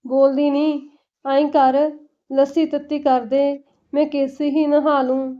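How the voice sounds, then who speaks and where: Woman voicing a protective young son, brusque, defensive, high-pitched, storybook. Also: level tone, slow pace. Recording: dull lo-fi recording.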